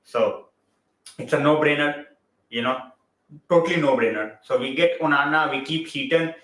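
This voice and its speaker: Man, Indian English accent, casual live-stream host, chatty, bright voice, roomy echo. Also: a little high, moderate pace. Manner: chatty, mixes Hindi into English, reads out and greets viewers by name.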